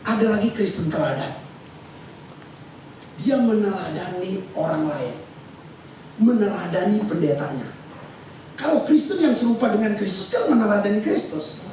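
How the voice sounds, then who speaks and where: A male preacher delivers a lively sermon, laughing often and acting out quotes in slang. His pitch swings widely. He is heard from far off in an echoey, noisy church hall. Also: moderate pace, long pauses.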